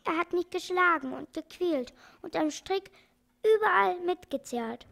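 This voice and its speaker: Storybook monkey, small and timid, high and tearful, voiced by a woman. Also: lively intonation, unhurried, vocal fry, fairly bright tone, full character voice. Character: thin, frightened little monkey. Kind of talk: children's audiobook reading.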